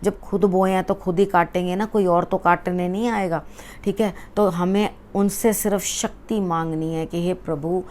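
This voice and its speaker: Low-voiced woman giving tarot advice. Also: fairly even intonation, moderate pace, darkish tone. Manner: earnest and advisory, often adding "theek hai" to check in; mixes English words into Hindi. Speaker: tarot reader. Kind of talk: weekly tarot forecast, advising viewers directly.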